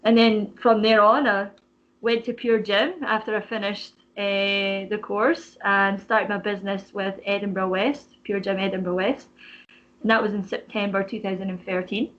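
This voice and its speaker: A woman's voice: medium pitch, little pitch movement, moderate pace, fairly bright tone, highs cut off. A woman in her thirties with a Canadian accent, a personal trainer chatting as a podcast guest, filling her talk with "like" and "you know". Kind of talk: casual interview chat.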